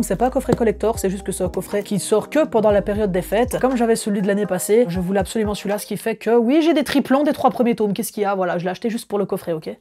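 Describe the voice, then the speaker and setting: A man's voice: high voice, dark tone. A young man in his twenties, an enthusiastic manga collector showing off his purchases in a casual video at home, often hesitating with fillers. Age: 20s.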